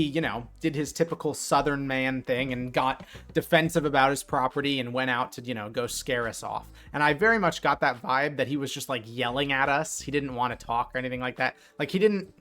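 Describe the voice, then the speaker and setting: A man casually retelling a night fishing trip in a chatty, animated way, with lots of fillers. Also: mid-range voice. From New Jersey. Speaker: streamer. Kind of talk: casual storytelling.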